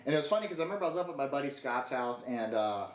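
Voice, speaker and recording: A man's voice: medium pitch, expressive, rapid-fire, echoey room. A young man co-hosting a podcast in casual chat, laid-back and profane, drawing out his stories. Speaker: podcast co-host.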